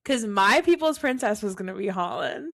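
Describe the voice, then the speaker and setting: A woman's voice: mid-range voice, expressive, normal speed, creaky, fairly bright tone. Giggly young woman co-hosting a podcast. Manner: giggly, rambling fan talk. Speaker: podcast co-host. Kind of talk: casual chat.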